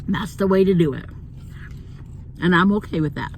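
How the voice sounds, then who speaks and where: A woman's voice: on the low side, moderate pace, darkish tone. A woman food vlogger talking casually to her viewers while eating, chewing as she speaks and savoring with mm sounds. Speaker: food vlogger hosting a mukbang. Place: inside a parked car in a parking lot at night. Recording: noisy car interior ambience.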